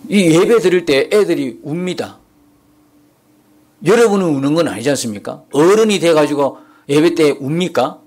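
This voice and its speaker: Animated pastor with a lively, rising voice. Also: male voice, a little high, normal speed. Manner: animated preaching, rising to emphatic peaks and dropping to soft asides. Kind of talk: sermon. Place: church sanctuary.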